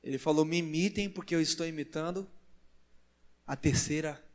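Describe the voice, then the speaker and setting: A man with a Brazilian Portuguese accent preaching a sermon as pastor, in slow emphatic phrases that rise to loud exclamations. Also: fairly high pitch. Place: large church hall. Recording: church hall with long reverb.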